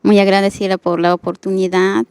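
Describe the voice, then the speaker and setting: A woman's voice: mid-range voice, flat delivery, a little fast, a little mellow, smooth, dry recording. Peruvian female guest, eager, grateful, dry room. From Peru.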